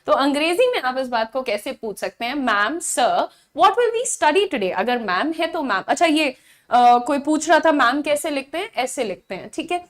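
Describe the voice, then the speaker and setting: A woman teaching a spoken-English class online. She says English model sentences slowly and clearly, explains them in Hindi, and sometimes mimics chattering students. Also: lively intonation. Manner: acts out chattering students in a quick high voice.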